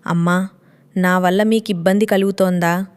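Frail gentle old grandfather, read by a woman. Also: on the low side, fairly even intonation, normal speed, smooth, natural voice. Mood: pleading. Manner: soft, pleading.

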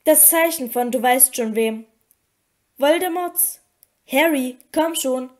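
A woman's voice: sits high, takes it slowly. A woman reading an audiobook, voicing a clever, anxious teenage schoolgirl with a worried, pleading manner. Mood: urgent.

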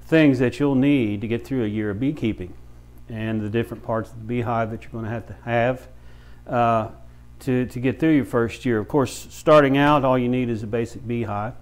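Speaking with a steady tone at medium pitch, a man in his fifties teaches beginners hands-on, breaking things down step by step. He's a beekeeper, instructor and bee farm shop owner, and his casual, folksy delivery stops and starts. He's indoors in a small brick-walled room with lots of windows.

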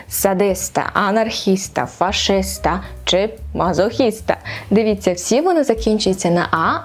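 A woman's voice: mid-range voice, a little mellow. A woman language teacher giving an online video lesson in a playful, upbeat way, teasing her viewers with rhetorical questions.

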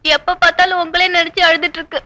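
A woman's voice: extremely high pitch, little pitch movement, fast talker, sharp tone. A young actress playing a worried village girl in a 1980s film, talking tearfully. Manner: tearful, pleading. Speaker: villager, heroine's younger sister.

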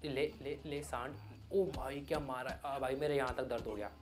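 A man giving loud, excited Hindi gameplay commentary as a gaming YouTuber. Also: mid-range voice, moderate pace, faint music behind. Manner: loud, hyped, yelling at the game.

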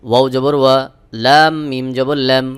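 Guy teaching quran reading, spells it out slow, chants the verses, smooth clear voice. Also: medium pitch, little pitch movement. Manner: measured, repeats each syllable, recites verses in a drawn-out chant.

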